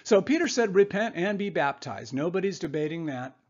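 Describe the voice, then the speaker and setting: A man's voice: high-pitched, animated, moderate pace, a little mellow. Conversational man teaching over slides, muffled audio. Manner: conversational, frequent "okay?" asides. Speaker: Bible teacher. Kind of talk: slide-based Bible lesson. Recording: muffled lo-fi voice recording.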